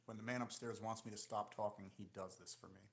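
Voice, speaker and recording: A man's voice: fairly low pitch, fairly even intonation, fast talker, fairly bright tone. A man joining a casual live chat remotely, his voice faint and dropping out over a bad internet connection, joking and easygoing. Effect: faint, cutting-out voice over a bad internet connection. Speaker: remote guest.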